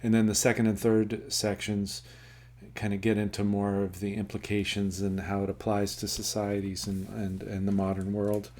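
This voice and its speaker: A man with a slightly low voice talks through a book he has read. He stops and restarts often, with plenty of ums, and then reads quoted passages in a steadier, measured way. The tone stays casual throughout. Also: completely flat delivery, a little mellow. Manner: halting, lots of fillers and self-corrections. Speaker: book reviewer.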